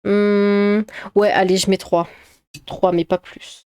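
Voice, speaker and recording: A woman's voice: medium pitch, flat delivery, slow pace, mellow, clear, resonant tone, no echo, clean studio sound. A woman chatting casually as a vlogger, laughing often, with many fillers and restarts. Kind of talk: casual chat, reading a quiz aloud.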